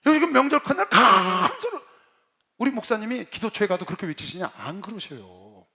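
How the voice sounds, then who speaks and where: A middle-aged man preaching an animated sermon, telling stories dramatically and swinging from loud shouts to hushed asides. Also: extremely high pitch. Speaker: pastor. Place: large convention hall. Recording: reverberant hall.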